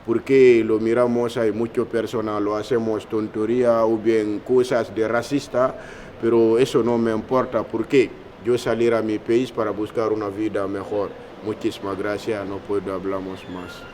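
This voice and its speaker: A man's voice: on the low side, flat delivery, normal speed, a little mellow. A man from Guinea with a Guinean accent, speaking imperfect second-language Spanish in a street interview. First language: not Spanish. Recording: outdoor street with clear traffic noise.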